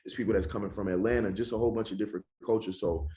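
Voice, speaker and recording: A man's voice: fairly low pitch, fairly even intonation, rapid-fire, mellow. A young man from Charlotte, North Carolina, with a Southern accent, a rapper talking casually in an interview and often saying "you know what I'm saying".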